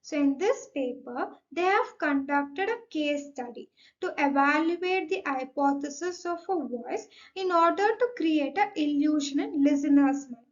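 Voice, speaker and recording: The speaker is a young woman with a high-pitched voice, animated yet unhurried, giving a formal student presentation. She frequently opens with "so" and explains in a scripted, academic style. The sound is dull and a touch muffled.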